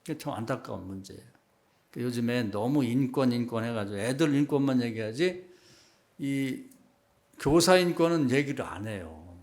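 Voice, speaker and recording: Korean pastor preaching with emphatic swings. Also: male voice, animated, normal speed. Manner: conversational preaching, acts out quoted remarks in a low hushed voice; swings between loud emphatic peaks and quiet asides. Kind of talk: sermon.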